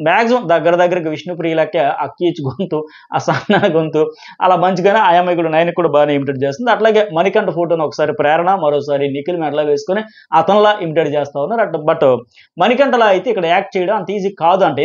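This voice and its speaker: A man talks very fast in a rambling commentary, his voice sitting a little high. The sound is dull and lo-fi. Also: darkish tone. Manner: rapid, rambling delivery with frequent restarts. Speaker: Telugu reality show reviewer. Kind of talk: casual commentary to camera.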